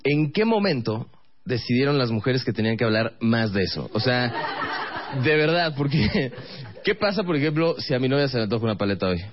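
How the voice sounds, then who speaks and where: A man with a Mexican accent doing a stand-up routine, rambling quickly through stories and acting out the quotes. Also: mid-range voice, very animated, lo-fi sound. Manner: rapid rambling storytelling with acted quotes. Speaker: stand-up comedian.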